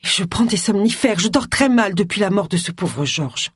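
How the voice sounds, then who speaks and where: A reader voicing an indignant, hostile woman in an audiobook mystery, with a raised, shrill delivery. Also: animated, moderate pace, breathy edge, no echo, clean studio sound. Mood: angry. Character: hostile woman, startled from sleep, furious.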